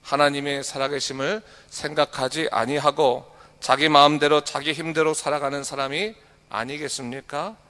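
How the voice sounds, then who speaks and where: Korean pastor preaching in a reverberant hall. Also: male voice, a little high, level tone, pushed and bright. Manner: asks the congregation rhetorical questions and reads scripture aloud slowly. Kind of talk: early-morning sermon. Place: church sanctuary.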